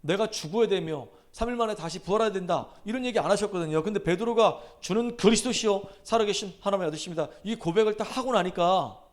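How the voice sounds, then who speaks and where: A male pastor delivers an emphatic sermon with a notably high-pitched voice. He retells scripture like a story, acting out the quoted lines with swings between loud and hushed. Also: quick pace, hardly any pauses. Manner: emphatic preaching, acting out scripture quotes with rising and falling intensity.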